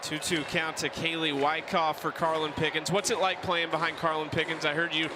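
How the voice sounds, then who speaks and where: A man doing play-by-play for a live softball broadcast, asking the mic'd-up player questions between pitches. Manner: brisk, calls plays with sudden excitement. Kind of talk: live sports commentary. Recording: broadcast booth over loud crowd and noise.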